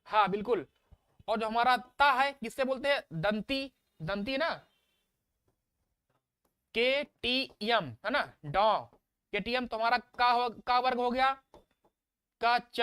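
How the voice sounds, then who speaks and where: A man's voice: high-pitched, fairly bright tone, smooth, no room sound. A man teaching an online exam-prep class, repeating letter sounds aloud and asking students coaxing questions.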